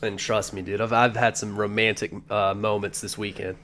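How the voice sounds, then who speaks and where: Male podcast co-host, lowish voice, crude swearing banter. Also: level tone, moderate pace, fairly bright tone, slight background noise. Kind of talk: casual chat.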